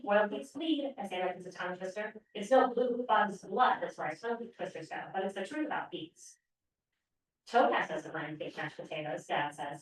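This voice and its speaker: Woman author reading in an echoey room. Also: mid-range voice. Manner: expressive first-person reading, brief hesitations between parts. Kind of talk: reading aloud from her novel. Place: library event room. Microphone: podium microphone. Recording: very echoey room, voice far from mic.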